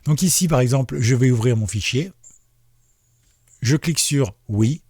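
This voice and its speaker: A man walks viewers through a computer tutorial in a relaxed, chatty way, padding his explanations with fillers and friendly asides. His voice is mid-pitched and somewhat husky. The recording is dry and close, with no room echo. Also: normal speed. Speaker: tech tutorial host. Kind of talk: casual screen-share tutorial.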